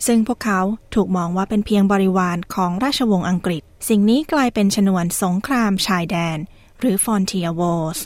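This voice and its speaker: A woman's voice: mid-range voice, moderate pace, darkish tone, no room sound. A woman narrating a scripted news feature as a radio presenter, formal and carefully enunciated.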